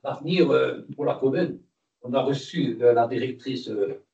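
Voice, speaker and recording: A man's voice: mid-range voice, moderate pace, vocal fry, dark tone. A man speaking as a council member, raising hesitant objections, heard from a distance in a roomy, dull recording. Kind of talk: council debate.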